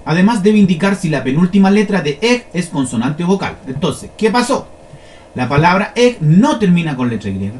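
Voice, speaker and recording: Guy teaching a class, high voice that jumps around a lot, keeps checking everyone's following. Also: sing-song, normal speed, darkish tone, slight background noise. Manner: explains step by step, checks in with listeners often. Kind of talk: classroom lesson on flowcharts.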